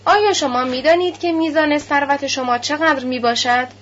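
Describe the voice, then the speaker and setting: A woman's voice: high-pitched, fairly bright tone. A woman reading as a formal male notary. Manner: measured, formal questioning. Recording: slightly muffled lo-fi recording.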